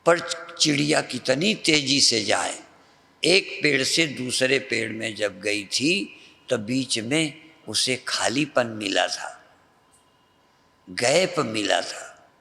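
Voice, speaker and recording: A male spiritual teacher from North India giving a slow, repetitive meditative discourse that guides the listener's mind. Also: mid-range voice, expressive, creaky, bright, forceful tone, in a large hall. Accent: Hindi, North Indian.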